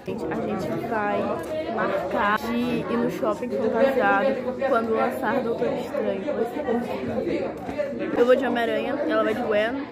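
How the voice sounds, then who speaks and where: A teenage girl talks casually into a phone held at arm's length, quick to giggle and joke with friends. Her voice sits high, and a loud crowd of students fills the background. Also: fairly even intonation. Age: teens. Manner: chatty, giggly, joking with friends. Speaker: vlogger. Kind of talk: casual vlog chat. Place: school and home indoors.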